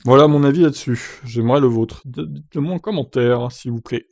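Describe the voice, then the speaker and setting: A man delivers casual motorsport commentary in a mid-pitched voice, recorded close and dry. He is blunt and colloquial, moving between reading out the news and giving his own opinion. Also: a little fast, a little mellow, no room sound.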